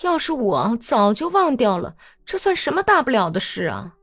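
A woman's voice: on the high side, big pitch swings, normal speed, a bit bright, faint music behind, voice pushed up, heavily acted. Woman doing a hurt, bitter young wife. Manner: subdued, cold, strained.

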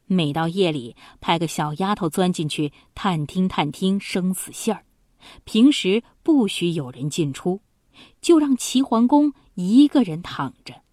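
A woman narrates a historical tale for children at an unhurried pace. Her voice is a little husky and mid-pitched. She reads expressively, close to a dry mic. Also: no room sound. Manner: slow, expressive reading. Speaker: storyteller.

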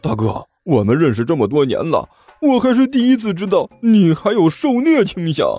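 A man voicing a whiny younger sworn brother who begs, high and fast, in a husky voice with soft music behind. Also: wildly swooping pitch, no echo, exaggerated voice. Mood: mocking. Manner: high, fast, wheedling and begging.

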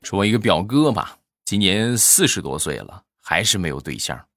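Low-voiced man telling jokes, lively delivery. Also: normal speed, over music. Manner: chatty, storytelling with frequent "啊" tags. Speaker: comic storyteller.

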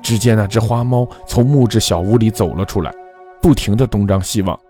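A man narrating a folk ghost story in a measured, dramatic storytelling manner. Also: fairly low pitch, warm tone, faint music behind.

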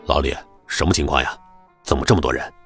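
A man voicing a calculating middle-aged male security chief who speaks low, curt and indifferent. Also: unhurried, a bit bright, soft background music.

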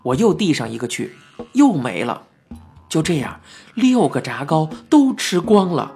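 A narrator telling a children's story in the first person, with lively and expressive delivery. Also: medium pitch, unhurried, gravelly, husky. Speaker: audiobook narrator. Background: faint background music.

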